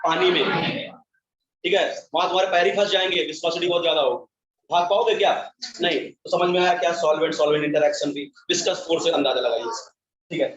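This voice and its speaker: A man's voice: fairly high pitch, quick pace, background noise. A male chemistry teacher giving a classroom lecture, asking questions and answering them himself, and calling his students beta and bhai. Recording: echoey, distant, dull classroom sound.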